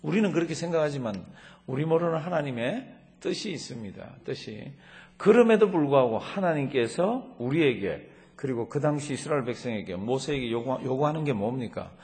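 A middle-aged male pastor preaching a sermon, asking rhetorical questions and slowing down to read scripture aloud, in a church sanctuary. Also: medium pitch, expressive, a little mellow. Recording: long church hall reverb.

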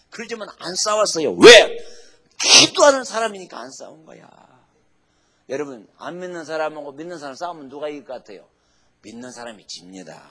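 Husky, forceful male pastor preaching. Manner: emphatic preaching, swings from loud exhortation to low quiet asides; asks the congregation to say amen and repeat lines. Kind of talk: sermon.

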